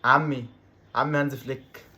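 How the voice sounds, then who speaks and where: A man with an Egyptian Arabic accent talks over his football video game in quick, tumbling bursts. He gets excitable and says the same exclamation several times in a row. His voice sits at an ordinary middle pitch. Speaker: gaming YouTuber. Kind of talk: let's-play commentary.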